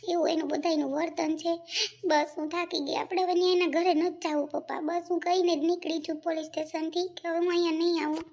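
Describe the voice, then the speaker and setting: Someone voicing a tearful homesick young wife, very high. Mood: firm refusal. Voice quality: very high, gravelly voice. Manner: plaintive, weepy pleading. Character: tearful young married woman, homesick daughter. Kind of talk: Gujarati cartoon voice acting.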